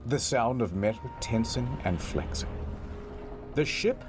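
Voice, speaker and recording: A man's voice: medium pitch, lively intonation, a little slow, a little hiss or hum. A man giving scripted comedic narration for a documentary video, telling the story in a dry, mock-dramatic way.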